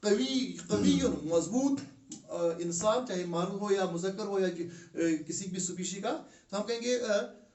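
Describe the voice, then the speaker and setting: A man with a Kashmiri accent teaching Arabic grammar in a classroom lesson, drilling word pairs slowly with fillers. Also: high voice, a little mellow. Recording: echoey room, from far off.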